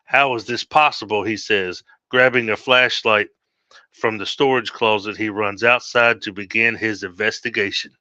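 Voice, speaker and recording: A man's voice: fairly low pitch, steady tone, normal speed, sharp tone, no room sound. A man reading his own horror story aloud steadily, with small slips, on a dull lo-fi recording.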